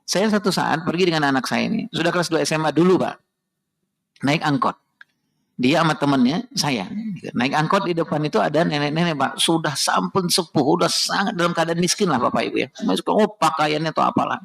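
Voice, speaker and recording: A middle-aged man delivers a heartfelt storytelling sermon on parenting in a mosque. His voice is gravelly and sits slightly high. He keeps drawing the congregation in by addressing them directly. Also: fairly quick, fairly bright tone. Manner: emotional, addresses the audience directly and often. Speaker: parenting speaker at a mosque study session.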